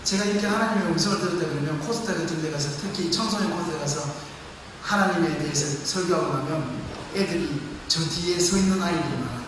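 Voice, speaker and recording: A man preaching a sermon as a pastor, telling a story in an animated way and acting out the voices in it. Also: a little high, quick pace. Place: large church hall. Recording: echoey hall, far from mic, faint noise.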